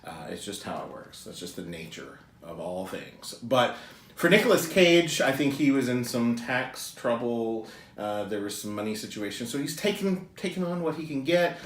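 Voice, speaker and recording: A man's voice: medium pitch, sing-song, normal speed, roomy sound. A man co-hosting a trailer reaction show, chatting casually in a rambling, joking way with lots of ums and uhs.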